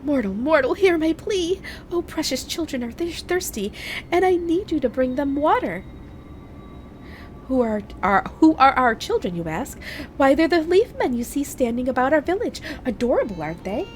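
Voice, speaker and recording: A woman's voice: big pitch swings, moderate pace, slight background noise. A woman voicing a playful, mischievous female pixie from a fantasy game, with an airy, theatrical and lofty manner toward mortals. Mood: pleading, whimsical. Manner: airy, theatrical, addresses listeners as lowly mortals.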